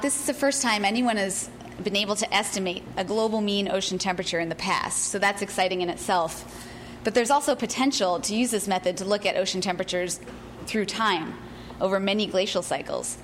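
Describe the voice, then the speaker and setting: Woman, researcher, medium pitch, scientific presentation to an audience, faint background noise. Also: a little fast, fairly bright tone. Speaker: researcher presenting her work.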